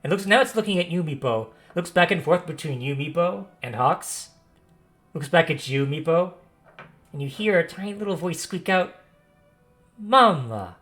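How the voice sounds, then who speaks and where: A man's voice: fairly high pitch, expressive, normal speed, a bit bright. A man running a tabletop fantasy game as game master, improvising narration and often repeating and rephrasing as he describes. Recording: music playing behind the voice. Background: background music.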